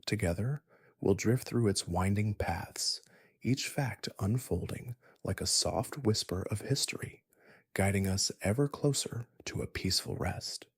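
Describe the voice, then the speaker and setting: A man narrating a bedtime story in a soft, gentle, soothing, breathy spa-like whisper, slow and unhurried. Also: on the low side, no room sound. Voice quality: breathy, husky, partly whispered.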